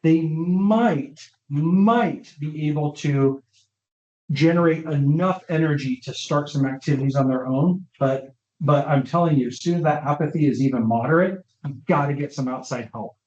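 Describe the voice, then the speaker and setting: A man delivers a conversational lecture on brain health, checking in with his listeners as he goes. His voice sits a little high. The sound is roomy and slightly muffled, like a lo-fi online session. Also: normal speed, a little mellow. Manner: informal, often checks understanding with the audience. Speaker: neuropsychologist presenting a talk. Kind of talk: conversational lecture with audience questions.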